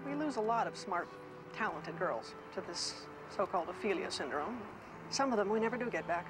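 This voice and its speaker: An actress playing a wise, dry-humored teacher who lectures her students calmly, in a 1990s sitcom. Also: medium pitch, a little fast, over music, natural voice, poor audio. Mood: patient. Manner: calm, wry and lecturing.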